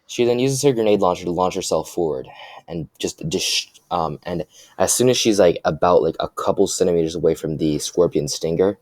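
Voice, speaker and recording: A young man improvising a fan-fiction story aloud, halting, with many restarts and fillers. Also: sits low, steady tone, a little mellow, no echo.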